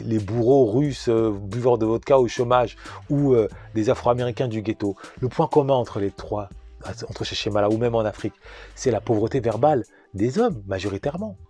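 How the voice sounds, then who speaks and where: A man with a mellow, dark voice coaching on relationships, speaking in a measured, didactic way and addressing the men listening. Faint music plays underneath his advice monologue. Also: mid-range voice, slightly rough.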